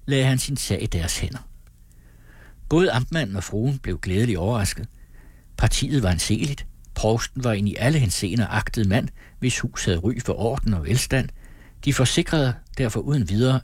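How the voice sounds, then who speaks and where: A man reading a classic novel aloud in a measured, phrase-by-phrase way. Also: on the low side, darkish tone, breathy edge, no echo. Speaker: audiobook reader.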